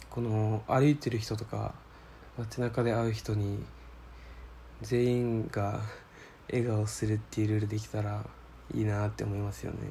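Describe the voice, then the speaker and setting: A man's voice: on the low side, creaky, warm tone, a little hiss or hum. A man hosting a casual solo radio-style show, reading listener mail and talking in a rambling, laid-back, slangy way while searching aloud for his words.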